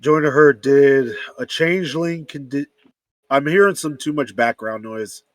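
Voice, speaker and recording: A young man on an online panel, speaking haltingly as he searches for words. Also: mid-range voice, dry recording. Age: young adult. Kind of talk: casual online panel chat.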